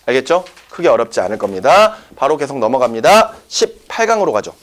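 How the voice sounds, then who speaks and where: A man's voice: mid-range voice, very animated, a little fast. A man teaching a science class, explaining step by step and often checking whether the students follow. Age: young adult. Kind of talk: classroom lecture.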